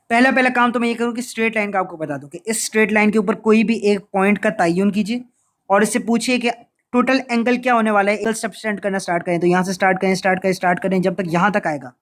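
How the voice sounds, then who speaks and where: A man with an Urdu accent teaching geometry in a recorded video lesson, playful and mixing English phrases into his explanations. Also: sits high. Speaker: math teacher.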